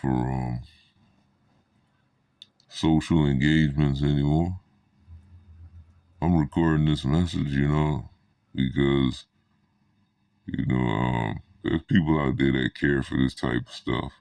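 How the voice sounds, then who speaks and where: A man talking through a voice changer that drops his voice very deep, rambling hesitantly with many fillers in a casual spoken monologue. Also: fairly even intonation, slow pace, gravelly, pauses often, a little mellow, no echo, studio quality. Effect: voice changer shifting the pitch very deep.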